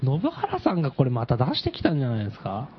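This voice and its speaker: A man's voice: mid-range voice, wildly swooping pitch, fast, lo-fi sound, a little hiss or hum. A man hosting a casual radio chat, playful and often laughing as he teases out conspiracies. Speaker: radio host.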